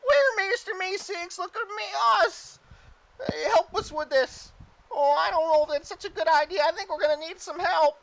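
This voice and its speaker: A woman's voice: very high-pitched, moderate pace, voice pushed up. A woman voicing a frantic, eager little male creature in a strained, panicky voice.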